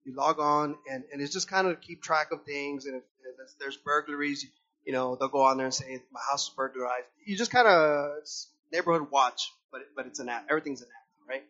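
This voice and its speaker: A man's voice: a little high, a little fast, muffled recording. A man preaching a sermon to his congregation, addressing them as brothers and sisters and acting out voices as he speaks. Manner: animated, acts out voices of people and animals. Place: church service.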